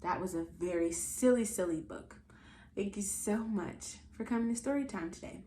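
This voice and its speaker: An American woman hosts a children's storytime, reading aloud playfully and theatrically while speaking directly to young listeners. Her mid-range voice moves at a normal speed, and she hams up the silly sound words. The recording has a roomy echo and light background noise.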